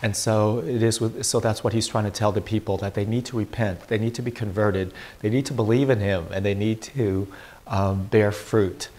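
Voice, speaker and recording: Low-voiced man preaching as a priest. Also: steady tone, moderate pace, mellow. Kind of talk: Gospel reading and informal homily.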